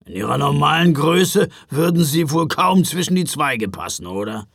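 A man voicing Knecht Ruprecht, a gruff, impatient old Christmas helper with a gravelly, curt growl, in a storybook reading. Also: a little high, lively intonation, normal speed, fairly bright tone, no room sound, studio quality. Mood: weary explaining. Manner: curt, irritated, snapping.

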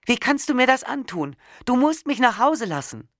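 A man doing a shrill, trembling panicked wife. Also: expressive, moderate pace, a bit bright, no room sound, clean studio sound, exaggerated voice. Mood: screaming. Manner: voice rising high, shrill and trembling. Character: panicked American wife and mother trapped abroad. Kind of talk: audiobook reading.

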